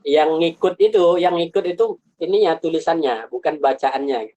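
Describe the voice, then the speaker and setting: A man's voice: fairly high pitch, normal speed, warm tone, rough recording. A man teaching a Quran recitation class online, explaining patiently, repeating points and asking rhetorical questions.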